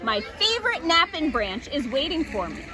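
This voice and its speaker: A woman's voice: sits high, big pitch swings, moderate pace, rough recording. Woman voicing a self-important, formal storybook owl. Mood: dismissive. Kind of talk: children's storybook character reading.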